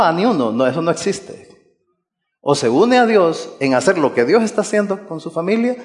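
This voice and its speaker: A man's voice: sits high, big-room sound. A male preacher giving an earnest, exhorting sermon, repeating his key phrases.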